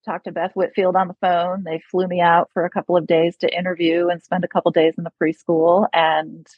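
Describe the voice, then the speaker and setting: Husky chatty woman, upstate New York accent. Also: on the low side, flat delivery, a little fast, no echo, lo-fi sound. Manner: chatty, laughs often, many fillers. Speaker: speech therapist, guest. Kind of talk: conversational interview.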